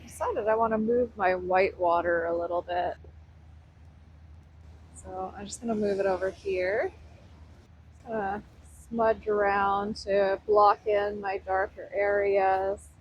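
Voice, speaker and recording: A woman's voice: mid-range voice, steady tone, takes it slowly. A woman painting outdoors by a waterfall, chatting through each step of her work. Her voice comes through a noise-canceling mic that makes it sound like she is talking into a tin can. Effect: muffled tin-can sound from a noise-canceling mic. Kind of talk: casual painting tutorial.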